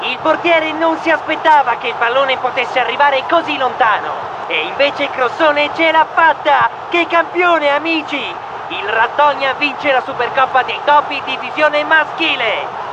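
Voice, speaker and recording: A man voicing an excited male mouse football commentator in a storybook, in rapid sports-commentary style. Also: very high-pitched, muffled recording, background noise, pitched above the performer's own voice.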